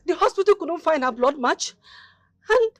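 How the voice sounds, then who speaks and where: A woman's voice: extremely high pitch, expressive, moderate pace, a bit bright, a little hiss or hum. A woman playing a distraught young friend in a film drama, breathless, panting and pleading urgently. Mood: frantic pleading.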